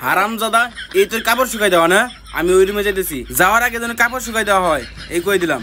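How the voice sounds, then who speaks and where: Guy doing a high-voiced nagging mom, talks super fast, threatens the kids. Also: lightly acted. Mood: scolding. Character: scolding, short-tempered mother of two sons. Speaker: actor in a comedy skit. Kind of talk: comic skit acting. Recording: background music under voices.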